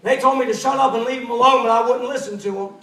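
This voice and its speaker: A man's voice: very high-pitched, fairly even intonation, fast, pushed and bright. A male preacher voicing a woman healed after long illness, telling her story earnestly. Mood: relieved. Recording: echoey church, mic at a distance.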